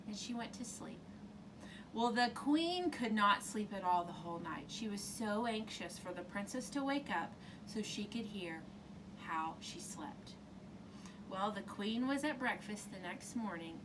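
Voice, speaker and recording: A woman's voice: medium pitch, a little slow. A woman storyteller talking straight to children like a kids show host, with dramatic emphasis. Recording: distant mic, clearly noisy room.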